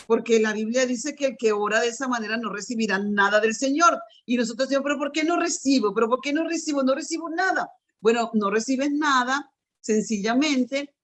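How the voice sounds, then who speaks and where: An earnest woman preaches a sermon, stacking up repeated phrases to drive each point home. She mixes teaching with personal testimony and often turns to the listener directly. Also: on the high side. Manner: speaks directly to listeners with asides.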